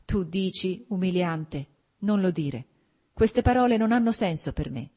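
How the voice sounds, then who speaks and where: A woman's voice: lowish voice, animated, normal speed, dark tone. A woman reading aloud, voicing a distraught young noblewoman who speaks in a trembling, tearful, pleading way. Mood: anguished. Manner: trembling, pleading, close to tears.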